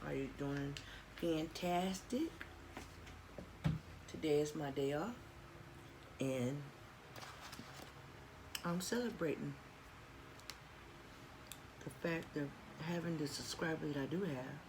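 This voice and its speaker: A woman's voice: sits low, slow pace, pauses often. A woman doing mukbang eating, chatting in a folksy way to viewers between bites with appreciative mmm sounds. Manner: folksy, addresses viewers as y'all. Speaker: mukbang vlogger. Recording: clearly noisy background.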